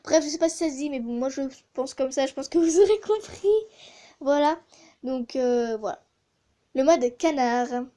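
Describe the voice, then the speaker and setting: High-voiced chatty woman. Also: normal speed, warm tone. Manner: chatty, many hesitations. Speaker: gaming YouTuber testing a voice changer app. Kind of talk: casual vlog commentary.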